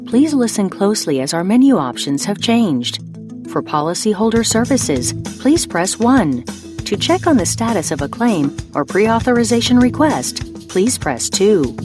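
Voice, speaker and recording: A woman voicing recorded phone message prompts, with a polished, friendly automated-greeting delivery. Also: medium pitch.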